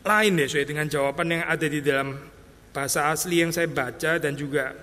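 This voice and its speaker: A man's voice: on the high side, fairly quick, sharp tone. A man preaching an expository sermon in a conversational style, slipping English phrases in and acting out exasperated voices. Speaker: pastor. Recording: long hall reverb.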